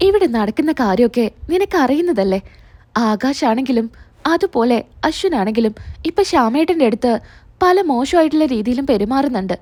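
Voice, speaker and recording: A woman reading the sorrowful lines of a sad woman who will not eat, in a high voice close to her own. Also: sing-song, fairly quick, a little mellow. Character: sad woman refusing food, seeking comfort.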